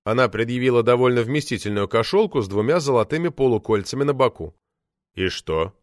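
A man narrating a novel as an audiobook with an expressive delivery. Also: mid-range voice, fast, no room sound, clean studio sound. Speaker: audiobook reader.

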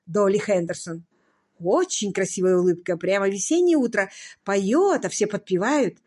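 A woman's voice: medium pitch, moderate pace, a little mellow, natural voice. A woman voicing an absent-minded elderly earl in his sixties who talks in a dreamy, distracted, rambling way in an audiobook.

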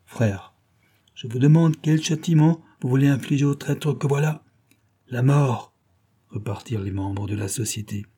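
A man's voice: mid-range voice, normal speed, mellow, slightly rough, voice pushed up, natural voice. A man reading an audiobook, voicing the cold adult male leader of a secret gang, who talks in a solemn, commanding and menacing way.

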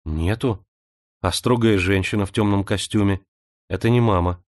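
A man's voice: on the low side, normal speed, lightly acted. A man voicing a proud young girl who speaks curtly and to the point. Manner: curt, pointed.

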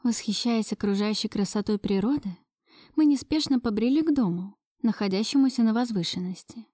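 A woman narrating a first-person romance audiobook in a measured, expressive way. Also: fairly high pitch, no room sound, studio quality.

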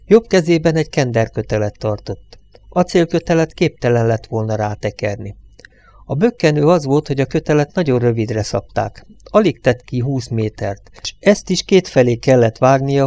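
Gravelly-voiced male audiobook narrator. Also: mid-range voice, dark tone.

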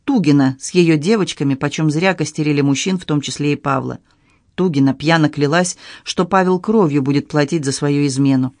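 A male audiobook narrator with a somewhat high voice and a calm, measured delivery. The recording is dry and close, with no room sound. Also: no room sound. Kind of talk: scripted narration.

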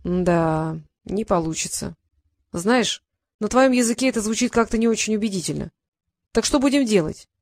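A woman's voice: medium pitch, lively intonation, normal speed, a little mellow, no echo, studio quality. Woman doing a pompous huge dragon. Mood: grandiose. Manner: grandiose, declaiming. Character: huge pompous male dragon, vain but shy.

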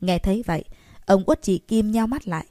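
A woman narrating an audiobook story in a steady, even reading. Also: mid-range voice, fairly quick, dry recording.

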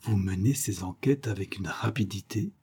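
A man's voice: fairly low pitch, normal speed, mellow, slightly rough. A man reading the part of a curious, impatient police prefect in an audiobook. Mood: eager.

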